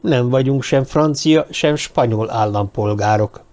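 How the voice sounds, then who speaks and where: A man's voice: mid-range voice, darkish tone, natural voice. A man voicing a fearful, gloomy dwarf woman who talks in an agitated way. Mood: desperate. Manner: agitated, pessimistic.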